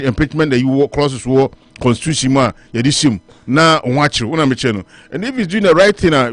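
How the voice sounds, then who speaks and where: A man with a Ghanaian English accent speaking as a radio panelist, halting and restarting often and slipping into local-language phrases. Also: fairly high pitch, dry recording. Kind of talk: radio talk show discussion.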